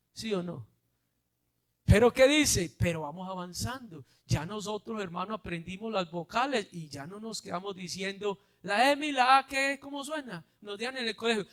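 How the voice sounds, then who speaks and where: Male pastor, very high voice, fiery sermon full of questions to the congregation. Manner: preaching with rhetorical questions to the congregation, often shouting.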